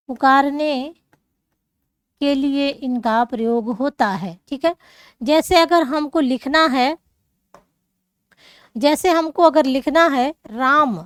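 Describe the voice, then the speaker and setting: A woman's voice: high-pitched, dry recording, studio quality. A woman teacher explaining grammar rules step by step, checking in often with her students. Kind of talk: classroom lesson.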